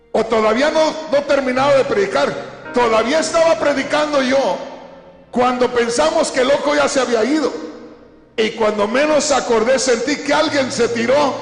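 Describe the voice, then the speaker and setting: High-voiced gravelly male preacher. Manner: storytelling, dramatic swings between loud cries and slow low preaching. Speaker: pastor. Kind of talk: sermon. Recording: echoey hall with faint music.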